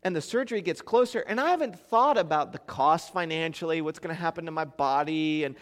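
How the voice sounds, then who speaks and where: Man, pastor, sermon, high voice, animated storytelling, hall reverb. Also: brisk. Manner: animated storytelling, swings between loud and quiet.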